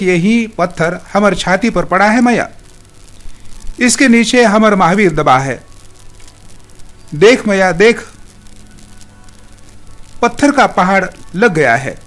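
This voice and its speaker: A man voicing a grief-crazed old village father who cries out and begs in rustic dialect. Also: high-pitched.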